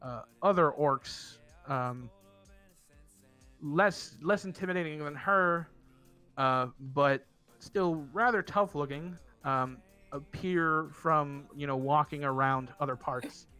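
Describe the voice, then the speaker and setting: A man speaking as game master, narrating and giving instructions in a halting, informal way with casual swearing. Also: on the high side, bright, forceful tone, clean tone. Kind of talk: narrating and running a tabletop game. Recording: music behind the voice. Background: music.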